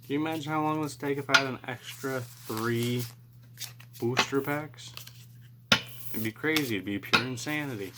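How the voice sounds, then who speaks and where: A man's voice: mid-range voice, normal speed, heavy background noise. A man chatting casually and unscripted as he hosts a card-pack opening video, musing in a rambling, self-deprecating way. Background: cards being shuffled.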